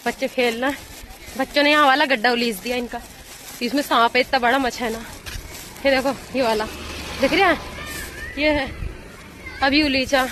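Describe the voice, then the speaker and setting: Young woman vlogger, high and bright voice, giggly, phone mic outdoors. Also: fairly even intonation, normal speed, pauses often, slight background noise. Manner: chatty, giggly, addresses viewers as guys. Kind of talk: casual vlog chat outdoors. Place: outdoors in fields, rural. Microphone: phone camera.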